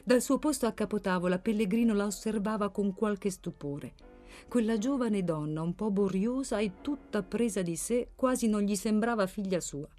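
A woman narrating a novel in a measured, expressive reading style. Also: medium pitch, soft background music. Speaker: audiobook narrator. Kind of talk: literary narration.

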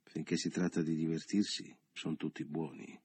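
A man's voice: a bass voice, little pitch movement, normal speed, darkish tone, husky, no room sound. A man voicing an assertive businessman who coaxes and insists, read in an audiobook. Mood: domineering. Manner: insistent, coaxing. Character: assertive businessman lover, persuasive, domineering. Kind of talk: audiobook character reading.

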